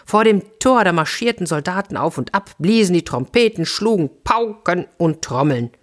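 A woman reading a fairy tale aloud for children, lively and expressive. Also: lowish voice, normal speed. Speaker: storyteller.

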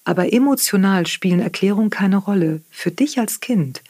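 A woman with a German accent, an author and therapist, explaining her ideas in a podcast interview, often tagging sentences with "ne?" and pausing on "ähm". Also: medium pitch, animated, a little mellow, no room sound. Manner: reflective, tags sentences with "ne?"; frequent hesitation fillers. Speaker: author and guest; therapist working with clients.

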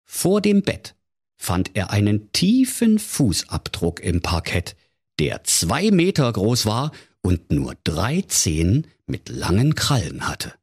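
A man's voice: fairly low pitch, huge pitch swings, slow, a little mellow, breathy edge. A man narrating a comic fairy tale for children in a playful, mock-solemn storyteller's manner.

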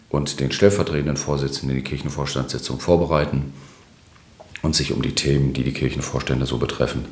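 Middle-aged male interview guest: extremely low bass, measured explanatory delivery, roomy echoing recording. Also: darkish tone. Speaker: interview guest, church administration manager. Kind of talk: unscripted interview answers.

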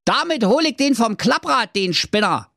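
A man's voice: sing-song, moderate pace, creaky, a bit bright, no echo, studio quality, exaggerated voice. A man voicing a boastful little male dwarf agent in a radio comedy story. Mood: cocky. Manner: boastful, squeaky.

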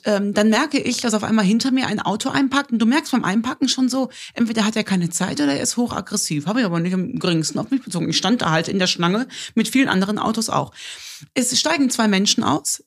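A middle-aged woman co-hosting a podcast, chatting casually and acting out the lines in her stories. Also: medium pitch. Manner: animated storyteller, acts out quoted lines. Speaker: podcast co-host. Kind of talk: casual chat, telling an anecdote.

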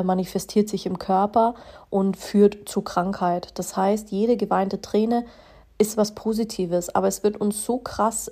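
A woman's voice: medium pitch, gravelly, mellow. A young adult woman hosting a podcast, talking in an earnest, heartfelt way with frequent fillers and restarts. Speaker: podcast host. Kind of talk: casual spoken podcast monologue.

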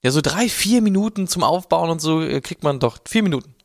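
A man hosting a relaxed podcast conversation, joking around and nudging his partner to perform. His voice is a touch higher than most men's. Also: fairly quick, gravelly. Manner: teasing, pushy, joking. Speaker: podcast co-host. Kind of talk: casual chat.

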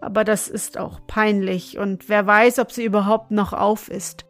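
A woman's voice: medium pitch, little pitch movement, a little slow, soft background music, natural voice. A woman voicing a fretful, bewildered older male councillor who complains plaintively in a storybook reading.

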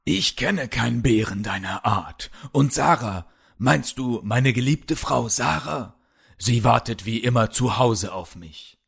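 A man voicing a huge, crazed villainous polar bear warlord in a storybook audio drama, gloating and mocking with quiet menace. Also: mid-range voice, animated, a little slow, vocal fry, breathy edge, heavily acted. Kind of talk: audiobook character voice.

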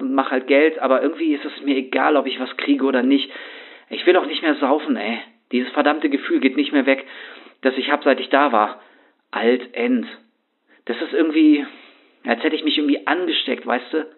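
A man's voice: mid-range voice, moderate pace, breathy edge. A man playing a rattled young homeless man who rambles anxiously in street slang, as a first-person horror story monologue. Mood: shaken. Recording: tinny phone-like sound.

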